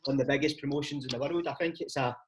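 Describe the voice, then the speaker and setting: A man's voice: medium pitch, racing. A Scottish man interviewing in a casual, chummy and informal way, swearing now and then. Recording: clearly noisy background.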